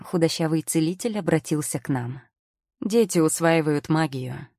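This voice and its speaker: A woman narrates an audiobook in the first person, telling the story in a wry, ironic way. Her low, mellow voice is captured on a close studio mic with no echo.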